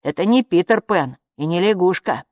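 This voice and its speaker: A woman's voice: lowish voice, normal speed, no echo, clean studio sound, natural voice. A woman voicing a sensible boy who speaks steadily and firmly in an audiobook. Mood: steady. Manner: steady, coaxing and firm. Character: sensible boy, calm and in charge. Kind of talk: audiobook character voice.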